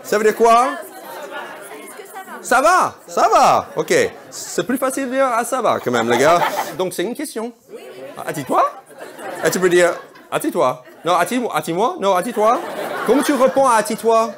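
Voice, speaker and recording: A man's voice: sits high, sing-song, normal speed, crowd noise, noisy background. A man performing stand-up on a theatre stage, quizzing the audience in a playful, mock-bewildered way while they laugh. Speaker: stand-up comedian. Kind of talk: stand-up crowd work.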